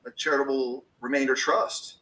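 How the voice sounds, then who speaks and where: A man's voice: mid-range voice, steady tone, normal speed, sharp tone, recorded from a distance, a little hiss or hum, poor audio. A man in his fifties talking casually about business, rambling with many restarts and fillers. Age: 50s.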